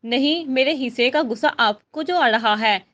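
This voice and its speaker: Woman doing a wry young daughter, high voice, playful, storybook reading. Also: moderate pace, fairly bright tone, muffled recording. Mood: teasing. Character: teasing witty young daughter.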